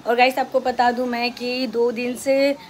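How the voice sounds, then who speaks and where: A woman with a voice on the high side speaks at a measured pace and a level tone, with a little hiss or hum in the recording. Indoors at home, this vlogger and mother chats casually with viewers as she walks through her day, now and then switching to sing-song baby talk for her small child.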